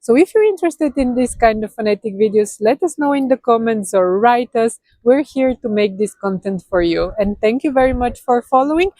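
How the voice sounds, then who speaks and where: A woman's voice: a little high, expressive, normal speed, hardly any pauses, mellow, no echo, rough recording. Bulgarian-accented woman teacher, dry sound. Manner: earnest, repeats and rephrases, demonstrates sounds. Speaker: language teacher. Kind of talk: explanatory video lesson.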